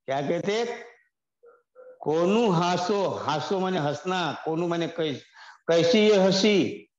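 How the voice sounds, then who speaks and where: Slow, deliberate male dharma teacher. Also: fairly high pitch, a little mellow. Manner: slow, deliberate explaining, repeating and glossing words. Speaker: Buddhist teacher. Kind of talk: dharma talk explaining Pali verses. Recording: echoey dull hall recording.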